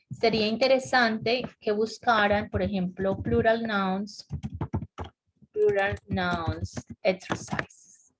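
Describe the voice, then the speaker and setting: A woman's mid-pitched voice, heard through a computer microphone on a video call, guides an online English class through grammar. Relaxed and patient, she explains carefully, often checks in with students, asks the class questions, and laughs gently.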